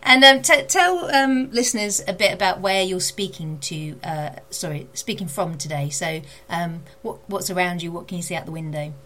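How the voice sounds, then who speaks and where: A woman's voice: lowish voice, lively intonation, moderate pace, few pauses, slight background noise. A woman author hosting her own show, chatting casually with lots of ums before interviewing a guest. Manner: chatty, warm-hearted enthusiasm with many fillers. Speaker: podcast host and author.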